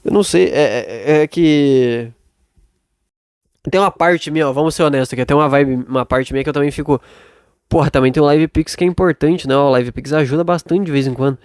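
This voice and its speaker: Brazilian male podcaster, fairly high voice, sick and stuffed up, loose sweary monologue with acted-out imagined replies, dry close sound. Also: brisk, smooth, no echo. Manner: blunt, self-doubting, swears often; acts out imagined dialogue mid-monologue. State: sick with sore throat and congested nose. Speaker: solo podcast host. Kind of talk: casual rambling monologue, answering a listener.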